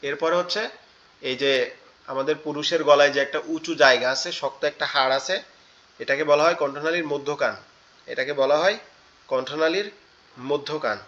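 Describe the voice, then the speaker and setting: A man's voice: on the high side, moderate pace, long pauses, a bit bright, lo-fi sound. A man teaching Quran recitation in an online class, patiently repeating each letter sound and explaining where it is formed. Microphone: online class audio.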